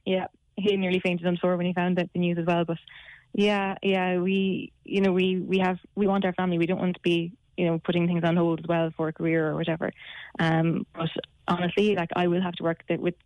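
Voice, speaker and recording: Even-toned woman, west of Ireland accent. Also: fairly low pitch, fairly quick, no echo, poor audio. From Galway, Ireland. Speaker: caller to a radio phone-in. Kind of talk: casual personal account on talk radio.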